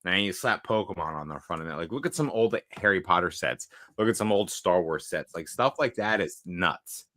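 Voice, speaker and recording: A young man with a low, bright-edged voice hosts a casual livestream podcast, loudly joking and shouting out viewers in the chat. His sound is dry and close on a desk streaming mic. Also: lively intonation, normal speed, few pauses, dry recording. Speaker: podcast co-host.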